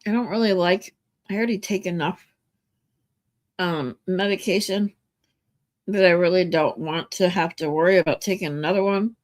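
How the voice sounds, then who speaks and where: A stuffy-nosed livestream host in her forties chats casually with viewers, rambling with many ums and restarts. She speaks on the low side at a moderate pace and pauses often.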